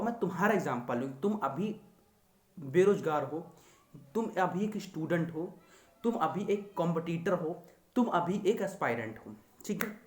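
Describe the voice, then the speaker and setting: A man's voice: a little high, reverberant. A young man teaching economics to exam students in a chatty, teasing lecture style. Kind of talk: casual Hindi lecture.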